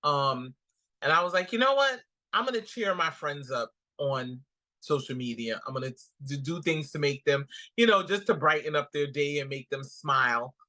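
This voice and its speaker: At a normal speed and with a low-pitched voice, a woman from a Guyanese background tells stories as a comedian guest. The interview is casual, and she brings her anecdotes to life by acting out the quotes.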